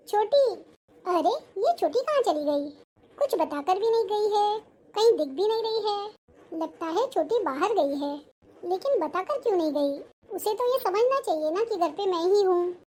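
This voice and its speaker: High pitched elder sister-in-law played by a woman, patient but fussy, mutters to herself, family drama. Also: animated, measured pace, darkish tone. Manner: fussing, complaining to herself. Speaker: actor.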